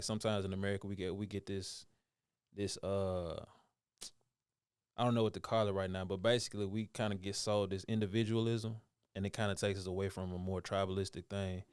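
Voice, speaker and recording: A man's voice: deep voice, clean tone, no echo, clean studio sound. A man in his thirties interviewing an artist in a laid-back, rambling way, full of slang. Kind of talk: casual interview.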